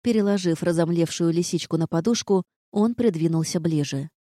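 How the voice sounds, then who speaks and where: Low, mellow woman narrating an audiobook. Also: fairly quick, no room sound, studio quality. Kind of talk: first-person audiobook narration.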